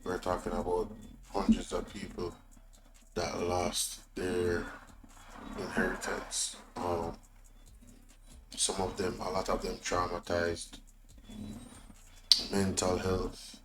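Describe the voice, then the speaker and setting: A man hosting a livestream, giving informal, deliberate, opinionated commentary. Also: sits low, noisy background. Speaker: livestream host. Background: loud music.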